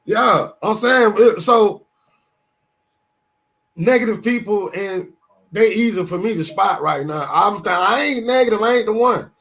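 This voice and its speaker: A man in his fifties with a fairly high voice talks loosely on a casual podcast at a measured pace. Animated and profane, he stumbles over restarts and keeps circling back into his stories.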